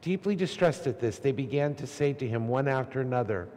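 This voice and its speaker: Priest reading the gospel, formal and steady, big cathedral echo on his voice. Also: medium pitch, fairly quick, a little hiss or hum. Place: large church. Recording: long cathedral reverb.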